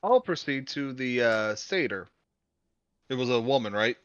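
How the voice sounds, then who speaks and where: Through a slightly dull, dry recording, a man with a medium-pitched voice plays a tabletop game. He speaks casually in short questions and brief declarations of what he does. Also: animated, measured pace, a bit bright, smooth, dry recording.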